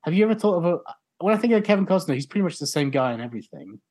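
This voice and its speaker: A podcast co-host in casual chat, enthusiastic and rambling, quick to joke. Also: medium pitch, very animated, darkish tone.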